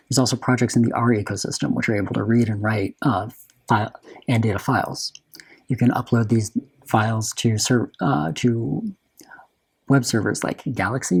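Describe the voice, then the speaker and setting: A man with a slightly husky voice giving a technical lightning talk as a software developer, often restarting and correcting his phrases. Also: on the low side.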